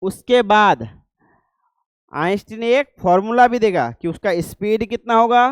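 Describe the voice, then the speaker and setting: A man's voice: sits high, expressive, a little slow, smooth, no room sound, studio quality. A middle-aged male teacher giving a classroom lecture, often stopping to ask the class whether they follow. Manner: keeps asking the class checking questions.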